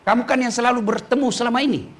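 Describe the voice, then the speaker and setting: Insistent male angel of death, put on by a preacher, low earnest tone, sermon storytelling. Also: racing. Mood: coaxing.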